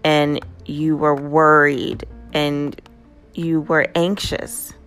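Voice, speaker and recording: A woman hosting a casual motivational talk, conversational and lively, often checking in with "right?". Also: low voice, drawn-out words, soft background music. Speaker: host.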